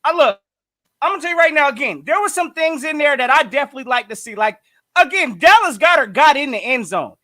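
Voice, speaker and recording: A man's voice: very high-pitched, expressive, fast talker, bright, forceful tone, dry recording. A man co-hosting a casual sports podcast, breaking down the game in an emphatic, hyped way. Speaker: podcast co-host.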